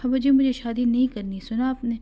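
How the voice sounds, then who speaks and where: A woman's voice: fairly high pitch, fairly even intonation, muffled recording, natural voice. A woman voicing a spirited, headstrong young village daughter in an audiobook story, blunt and forthright. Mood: playful.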